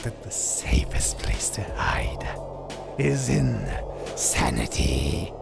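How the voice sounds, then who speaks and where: A man playing the Joker, an unhinged and menacing criminal clown, halting and muttering with drawn-out words and cackles in a comic-book drama. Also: mid-range voice, animated, vocal fry. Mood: quiet menace. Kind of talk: comic-book villain acting. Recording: music behind the voice.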